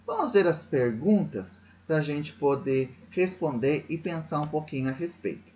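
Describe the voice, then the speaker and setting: A man's voice: fairly high pitch, big pitch swings, unhurried, a little mellow, highs cut off. A man teaching primary school children, patiently explaining a workbook exercise with a Brazilian Portuguese accent, often checking in with tag questions.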